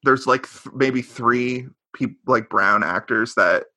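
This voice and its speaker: Here the co-host's voice is medium in pitch, slow, pushed and bright, captured dry. He casually recaps the old sitcom, wandering off track, fixing his own words and adding sarcasm.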